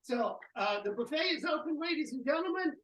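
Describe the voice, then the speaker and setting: A person leading a club meeting, announcing each item briskly and stumbling into fillers when ad-libbing. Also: sits high, animated, a bit bright, reverberant, a little hiss or hum, low-quality recording. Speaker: meeting presider.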